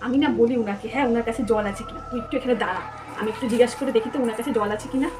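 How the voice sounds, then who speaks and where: A woman playing a frightened elder sister who hurries her younger sister along a dark road, nervous and repeating herself, with music behind. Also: a little high, racing, far from the mic, voice pushed down, natural voice. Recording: background music.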